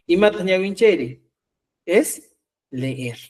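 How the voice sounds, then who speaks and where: A male language teacher who speaks slowly and patiently, stopping to check that everyone follows. His voice sits a little high for a man. He is recorded from some distance away from the microphone. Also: animated, darkish tone. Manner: patient, explains step by step with frequent checks like "¿ya?". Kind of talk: online class explanation.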